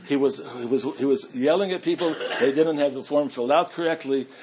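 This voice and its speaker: A man's voice: mid-range voice, a little fast, background noise. A middle-aged man giving a storytelling talk to a community audience, chatty and self-amused, with frequent restarts.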